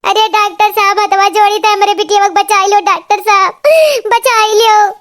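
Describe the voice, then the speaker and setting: A woman's voice: extremely high pitch, level tone, normal speed, fairly bright tone. A woman playing a wailing old village mother. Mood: pleading. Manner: wailing, pleading. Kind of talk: cartoon voice acting.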